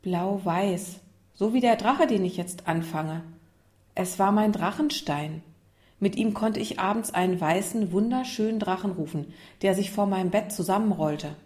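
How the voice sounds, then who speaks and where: A dreamy young schoolgirl, as a woman reader puts her on, speaking softly and wistfully. A storybook child with a quiet, gentle voice. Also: medium pitch, normal speed, natural voice.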